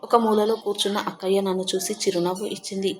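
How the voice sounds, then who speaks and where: A woman's voice: mid-range voice, level tone, fast talker. A woman narrating a first-person audio story in the tender, grieving voice of a mother.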